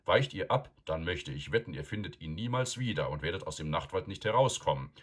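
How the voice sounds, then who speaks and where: A man voicing an old male wizard who lectures loudly and sternly, with a deep, husky voice. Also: lively intonation, brisk. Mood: stern, lecturing. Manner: loud, admonishing, emphatic.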